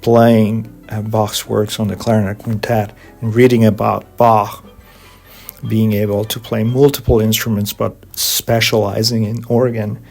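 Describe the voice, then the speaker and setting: A middle-aged Hungarian man, a guest organist and composer, answering interview questions in measured English with frequent pauses and fillers. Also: fairly low pitch, flat delivery, vocal fry, darkish tone, faint music behind.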